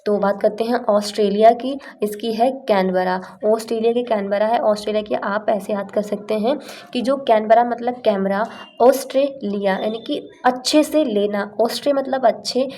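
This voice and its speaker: A woman's voice: fairly high pitch, fairly even intonation, normal speed, warm tone. A young woman teaching exam facts in a casual, chatty way, using playful memory tricks. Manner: chatty, explains with playful rhymes and acted-out lines.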